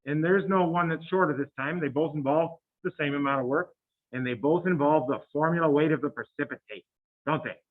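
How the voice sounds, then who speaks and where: On a tinny, phone-like recording from a classroom, a man with a fairly quick, high-leaning voice teaches chemistry. He solves problems aloud, quizzing students in a chatty way as he reasons through each step.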